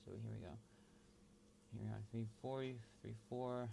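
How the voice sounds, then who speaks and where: Gravelly man muttering to himself. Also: lowish voice, steady tone, mellow, slight background noise. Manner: mumbling, halting, talks to himself. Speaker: video host. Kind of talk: thinking aloud while working.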